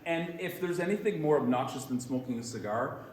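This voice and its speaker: A man's voice: medium pitch, a little fast, a little hiss or hum. Chatty man teaching in an echoey room. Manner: energetic, chatty, often restarts phrases. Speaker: church class teacher. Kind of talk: informal classroom teaching. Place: church classroom.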